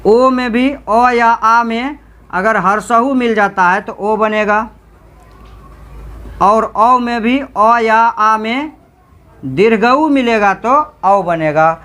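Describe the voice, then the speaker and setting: Slow-speaking male classroom teacher. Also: sits high, bright, forceful tone, smooth. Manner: quizzes the class with repeated questions; slow, drawn-out sound demonstrations. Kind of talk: classroom grammar lecture. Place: classroom with students.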